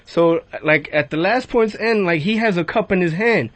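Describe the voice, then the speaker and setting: A man's voice: high voice, moderate pace, dry recording. A man, a regular on a radio show, casually telling an anecdote and acting out the dialogue in it. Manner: casual storyteller who acts out dialogue.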